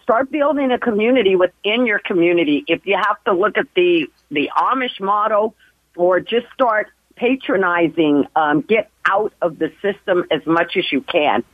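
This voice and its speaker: A woman's voice: mid-range voice, moderate pace, no echo. A woman calling in to a radio talk show over the phone, earnestly urging listeners to act. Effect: heard over a phone line. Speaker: caller. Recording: tinny dry phone line.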